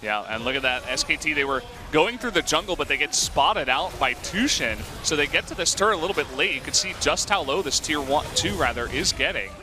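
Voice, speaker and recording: A man's voice: fairly high pitch, fairly quick, hardly any pauses, over music. A man commentating an esports match and explaining the plays as they unfold. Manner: explanatory calls, jumping to excitement. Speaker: esports caster.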